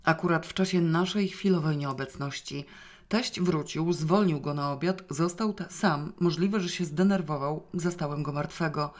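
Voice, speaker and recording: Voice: medium pitch, normal speed, close to an everyday voice. A reader voicing a frightened antiquarian's son-in-law who talks anxiously and apologetically in an audiobook. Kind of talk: audiobook reading.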